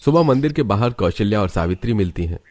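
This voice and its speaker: A man narrates a cartoon story in a steady, even way. His voice sits very low. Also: fast talker. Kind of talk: scripted narration.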